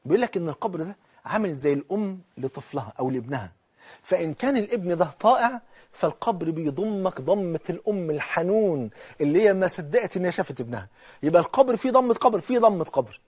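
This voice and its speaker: A husky, raspy-edged Egyptian man gives a colloquial sermon at a rapid clip. His voice sits high for a man, and he keeps it lively, sliding from near-whispers to loud bursts as he voices the people in his examples. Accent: Egyptian Arabic. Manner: animated, swings between hushed and loud, acts out dialogue. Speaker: preacher.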